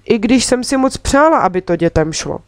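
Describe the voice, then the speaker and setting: A woman's voice: on the high side, animated, no room sound, studio quality, lightly acted. Wry dad in a children's storybook, as a woman reads him. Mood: thoughtful. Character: dry-humored father on a ski trip.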